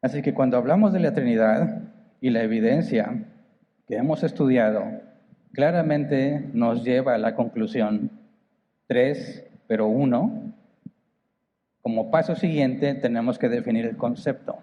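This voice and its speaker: A man's voice: medium pitch, measured pace, long pauses, dark tone, in a large hall, lo-fi sound. A man with a northern Mexican accent preaching a sermon as pastor, conversational, asking the congregation rhetorical questions. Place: church hall.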